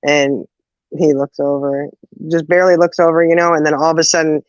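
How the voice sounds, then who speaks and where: Woman telling a story, lively, acts out all the voices, dry muffled sound. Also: deep voice, brisk, no room sound. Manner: animated, acts out quotes, laughs often. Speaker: show co-host telling a story. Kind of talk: casual storytelling chat.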